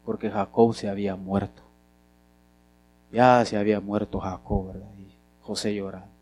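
A man preaching a sermon as pastor, often putting questions to the congregation and swinging between loud and soft. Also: fairly low pitch, little pitch movement, moderate pace.

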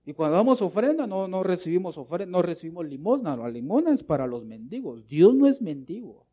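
Pastor guy preaching, fairly high but mellow voice, throws questions at the crowd. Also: big pitch swings, fast. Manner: preaching with rhetorical questions and repetition; swings between loud emphatic bursts and quiet asides. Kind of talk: sermon.

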